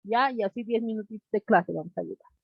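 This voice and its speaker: A woman teaching an online class over a video call, deliberate, constantly checking in with her students. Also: medium pitch, gravelly, husky, dry recording. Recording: dull lo-fi online class audio.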